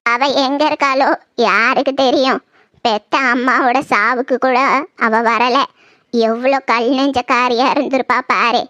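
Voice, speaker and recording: A woman's voice: on the high side, fairly even intonation, pushed and bright, no room sound, lo-fi sound. Woman voicing a mournful old village grandmother. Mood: gossiping. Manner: slow, mournful, lamenting. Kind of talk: cartoon voice acting.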